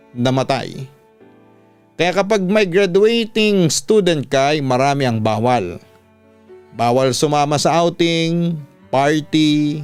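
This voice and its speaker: Over background music, a Filipino radio host narrates a listener's letter as a scripted first-person story. His tone is clean and medium in pitch, and he switches between Tagalog and English conversationally.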